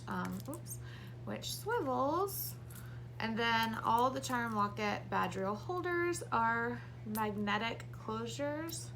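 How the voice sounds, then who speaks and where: A woman's voice: a little high, a bit bright, a little hiss or hum. A woman in her thirties, heavily pregnant and short of breath, giving a casual hands-on craft tutorial to camera. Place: small indoor craft room.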